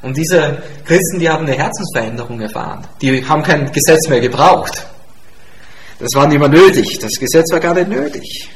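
A pastor with a high, light voice delivers an emphatic sermon. He hammers his main points home by repeating them. The sound carries through a roomy church hall with plenty of echo. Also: animated, moderate pace. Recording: echoey church room.

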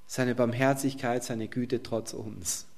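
Ein Mann predigt und liest Bibeltexte vor. Er wechselt ständig zwischen kräftiger Betonung und leisem, fast geflüstertem Ton. Seine Stimme liegt in mittlerer Männerlage. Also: male voice, medium pitch, fairly even intonation. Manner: swings from loud emphasis to soft near-whisper. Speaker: preacher. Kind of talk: sermon with scripture reading.

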